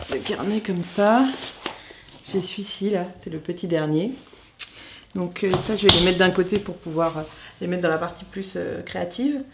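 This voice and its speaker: A young woman talks through her bookshelf at home in a relaxed, meandering way. Her voice sits low and has a gravelly fry, and a faint noise hums behind her. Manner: chatty and slangy, meandering with many pauses. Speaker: book vlogger. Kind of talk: casual chat while arranging a bookshelf. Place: her apartment, next to a bookshelf.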